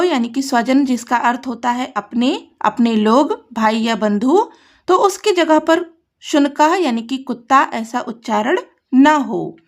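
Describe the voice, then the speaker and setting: A woman's voice: high voice, fairly bright tone. A woman tutor explaining a textbook lesson line by line, reading each word and then glossing it.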